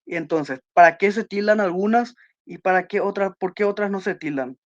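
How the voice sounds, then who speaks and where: A Spanish teacher giving an online class, explaining accent rules and slowly reading out example sentences, checking in with her students. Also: medium pitch, highs cut off. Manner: checks in with students by asking questions.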